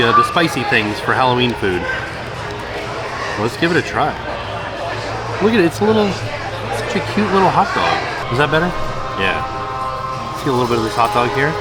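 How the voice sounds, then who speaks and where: A man chatting casually and enthusiastically as he vlogs a food and merch review. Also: mid-range voice. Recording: loud music and busy outdoor crowd behind. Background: loud music, crowd.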